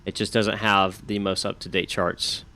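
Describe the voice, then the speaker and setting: Male flight sim streamer: low, bright-edged voice, casual chat and pilot calls. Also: level tone, normal speed.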